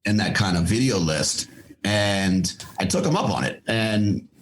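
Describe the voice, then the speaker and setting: A man's voice: fairly low pitch, expressive, a little slow, a little hiss or hum, poor audio. A middle-aged man, a guest on a podcast, talking casually and thoughtfully with lots of fillers and restarts. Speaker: podcast guest, fitness company founder. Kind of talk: casual interview talk.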